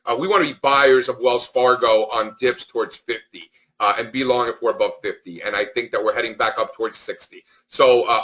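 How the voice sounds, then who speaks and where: A stock market analyst hosts a members' conference call, speaking informally in an emphatic, opinionated and slangy way. His voice is medium-pitched and fairly bright, and the recording quality is low.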